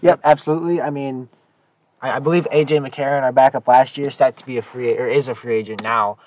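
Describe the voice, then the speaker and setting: A man's voice: mid-range voice, fairly even intonation, a little fast, a little mellow. A young man co-hosting a casual sports chat, agreeing readily and then explaining his view with fillers. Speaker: podcast co-host.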